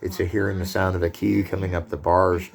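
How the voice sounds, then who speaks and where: Gravelly low-voiced film lecturer. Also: male voice, little pitch movement, a little fast. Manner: digressive, joking asides.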